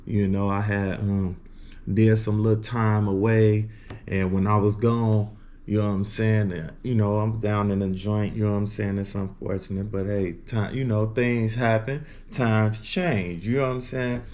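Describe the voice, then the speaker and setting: A man's voice: lowish voice, little pitch movement, unhurried, a little mellow, slight background noise. An American man from Illinois talking casually and slangily to vlog viewers, slightly lispy from wearing a retainer. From Illinois, United States. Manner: slangy, punctuates phrases with repeated filler tags. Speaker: vlogger.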